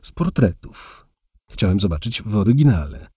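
A man's voice: fairly low pitch, big pitch swings, moderate pace, warm tone, breathy edge, no room sound, studio quality, full character voice. A man doing a cocky, grandiose young dandy. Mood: cheerful boastful. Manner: bold, grandiose. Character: cocky young man, elegant and boastful adventurer.

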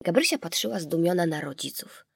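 A woman narrating a children's audiobook in a measured, expressive storytelling manner, recorded in a studio. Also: fairly low pitch, vocal fry, slightly rough, dry recording.

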